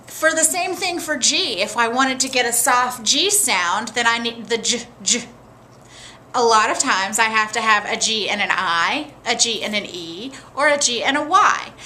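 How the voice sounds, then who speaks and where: Female teacher, slightly high voice, unhurried and patient, for a children's phonics video lesson. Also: pushed and bright, slight background noise. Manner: slow, patient, clearly sounding out letters and words.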